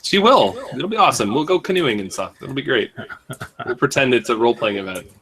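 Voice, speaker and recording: A man's voice: medium pitch, animated, a little fast, a bit bright, slight background noise. Joking, rambling male podcast host. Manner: joking, rambling, self-mocking. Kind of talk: casual chat.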